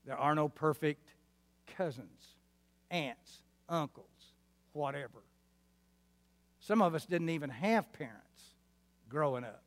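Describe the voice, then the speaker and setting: A man's voice: fairly high pitch, animated, slow, long pauses. A man in his seventies preaching a sermon with a West Texas twang, folksy and emphatic, checking in with his listeners. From Arkansas, New Mexico and West Texas, United States. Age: 70s. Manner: folksy, emphatic, asks the congregation for responses. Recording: reverberant hall.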